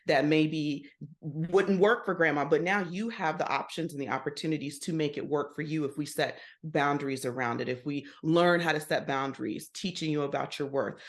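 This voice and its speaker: A woman with a fairly low voice, speaking as a coach in a relaxed podcast interview. She walks through her method with client stories and slips into the voices of the people in them. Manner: storytelling, acts out client dialogue. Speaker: guest, healing coach. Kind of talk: conversational interview.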